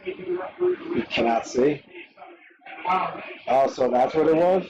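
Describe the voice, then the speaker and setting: Excitable man reacting to a fight. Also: fairly high pitch, slow, lo-fi sound. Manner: excitable, swears freely, reacts in short bursts. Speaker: live stream host reacting to a fight. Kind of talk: casual live watch-along commentary.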